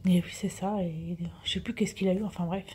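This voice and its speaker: A woman's voice: fairly low pitch, steady tone, fairly quick, warm tone, slight background noise. A woman in her fifties telling a story to her viewers in a chatty way, full of fillers and restarts, sometimes dropping to a whisper. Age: 50s. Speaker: vlogger.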